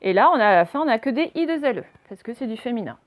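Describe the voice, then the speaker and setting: A woman's voice: on the high side, expressive, fast. A woman teaching a spelling lesson to children, patiently spelling out words letter by letter.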